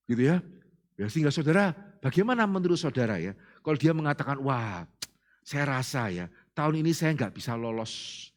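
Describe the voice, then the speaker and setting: A man preaching a sermon as pastor, often asking his congregation questions. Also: a little high.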